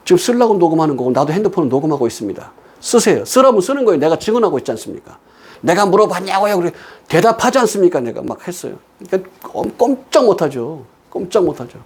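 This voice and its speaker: Middle-aged male pastor, slightly high voice, chatty sermon commentary full of anecdotes and pointed rhetorical questions. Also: a little mellow. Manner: storytelling with quoted dialogue, emphatic rhetorical questions.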